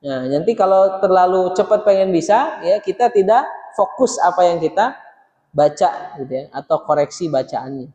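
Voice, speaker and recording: A man teaching Quran recitation in a mosque, chanting verses slowly and explaining pronunciation. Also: high-pitched, animated, warm tone, echoey room, big-room sound, highs cut off.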